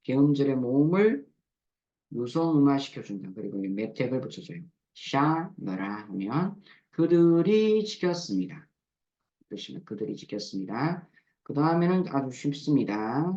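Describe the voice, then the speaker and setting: Male grammar teacher, mid-pitched, patient drilling delivery, slightly dull lecture recording. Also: sing-song, warm tone. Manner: patient, repeats syllables slowly for drill. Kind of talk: recorded lecture explaining verb forms.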